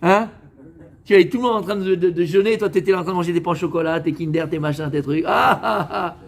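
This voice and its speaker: A man from France, a rabbi, giving a lively, joking sermon to a live audience, talking straight to his listeners and mixing in Hebrew religious words. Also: high-pitched, very fast, slight background noise.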